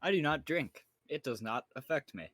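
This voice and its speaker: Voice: mid-range voice, expressive, normal speed, fairly bright tone, dry recording, clean studio sound, voice pushed down. A stiff robot adventurer, as a player puts it on. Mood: deadpan.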